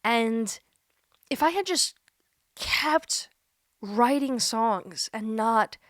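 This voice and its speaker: A woman in her thirties talking candidly to camera from a creaky chair at home, earnest and self-deprecating, laughing at herself now and then. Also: fairly high pitch, animated, very slow, no echo, studio quality. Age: 30s. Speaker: YouTuber. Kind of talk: candid reflective monologue.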